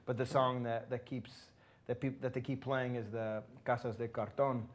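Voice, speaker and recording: A man co-hosting a radio show who speaks haltingly, searching for his words. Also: medium pitch, level tone. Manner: halting, hesitant. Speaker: radio co-host. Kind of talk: casual interview talk.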